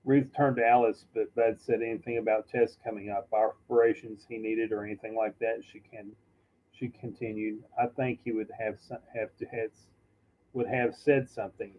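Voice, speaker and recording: A man reading a novel aloud in a halting, unpolished way, often stumbling and correcting himself. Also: on the low side, flat delivery, phone-quality sound. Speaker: reader. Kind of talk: amateur audiobook reading.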